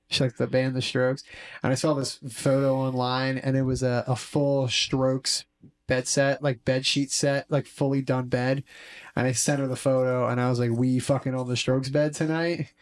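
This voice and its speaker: A man's voice: medium pitch, little pitch movement, normal speed. A man in his twenties with a Philadelphia accent, chatting casually on a podcast in a profane, slangy storytelling way. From Philadelphia area, US. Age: 20s.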